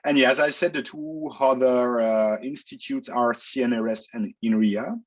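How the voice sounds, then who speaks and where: A man's voice: mid-range voice, steady tone, normal speed, highs cut off. A man who grew up in Belgium, a researcher answering interview questions in a casual, hesitant way with many fillers and restarts, speaking over a video call. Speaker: researcher guest.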